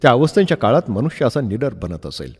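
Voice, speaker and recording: Marathi guy reading a novel out loud, kinda husky, dramatic, echoey room. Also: medium pitch, sing-song. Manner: measured, dramatic storytelling with acted dialogue. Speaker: audiobook narrator. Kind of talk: first-person novel reading.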